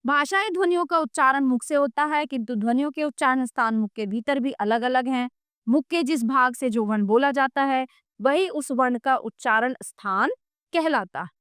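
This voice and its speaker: High-voiced woman teaching grammar. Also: fairly bright tone, smooth, no room sound, studio quality. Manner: reads definitions, slowly sounds out letters and examples; adds short asides to the viewer. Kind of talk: reading a grammar lesson aloud.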